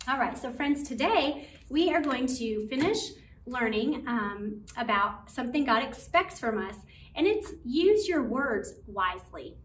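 A woman leads a children's Bible lesson in a gentle, encouraging way, talking to the kids as friends. Her voice sits a little high. She is recorded from a bit off the mic, with a faint hiss behind her. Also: expressive, unhurried, reverberant, far from the mic. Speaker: children's ministry teacher.

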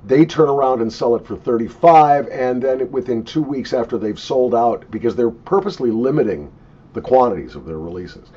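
Husky, animated older man, lo-fi sound. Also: mid-range voice, normal speed. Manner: animated, opinionated, emphatic. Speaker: pipe tobacco reviewer. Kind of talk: casual unscripted product review. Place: small cluttered home office, indoors. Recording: dull lo-fi webcam sound.

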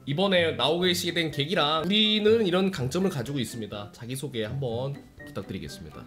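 A man's voice: fairly high pitch, expressive, fast, music in the background. A young man hosting a livestream interview, asking polite but teasing questions into a close microphone. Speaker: event host and interviewer.

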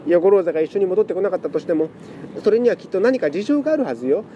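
A man voicing a sentimental female cat who pleads and scolds in soft, feminine speech. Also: high voice, expressive, racing, highs cut off, slight background noise, voice pushed up. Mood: pleading.

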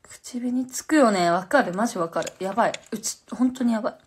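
Young woman, Fukuoka accent, slangy casual livestream chat, phone mic, fairly high voice. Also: fairly quick, husky. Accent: Fukuoka Japanese. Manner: chatty, slangy, reading and answering comments.

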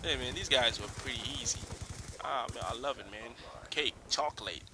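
A man's voice: mid-range voice, moderate pace. A young man casually commenting on his own game footage as a channel host, laid-back, swearing freely and calling everyone "man". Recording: noisy homemade recording with hiss.

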